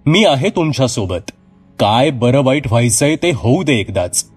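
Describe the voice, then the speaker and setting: A man's voice: medium pitch, big pitch swings, normal speed, husky, soft background music. A man voicing a frightened, earnest young woman who pleads and raises her voice in distress. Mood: resolute.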